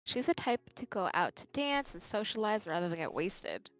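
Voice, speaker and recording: Woman reading a confident girl in a visual novel, dry and lively, close dry mic. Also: mid-range voice, normal speed, no echo, natural voice. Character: confident, teasing young woman, sure of her looks.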